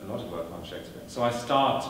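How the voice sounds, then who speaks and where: A performer with Welsh as his first language gives a lecture answering audience questions, his deep voice animated though measured and thoughtful, with many fillers and restarts. He is heard from a distance in a large, echoey lecture hall with slight background noise.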